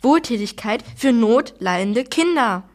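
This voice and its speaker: A tired, proud father in a storybook, firm and weary as he refuses charity, read aloud by a woman. His words come out measured and heavy. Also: fairly high pitch, expressive, a little mellow.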